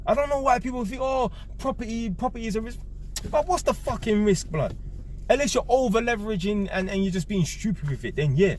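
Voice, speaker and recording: A man's voice: sits high, lively intonation, fairly quick. Blunt, emphatic man in his thirties. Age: 30s. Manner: blunt, emphatic, repeats key words, swears freely. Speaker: vlogger. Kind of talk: casual monologue to camera.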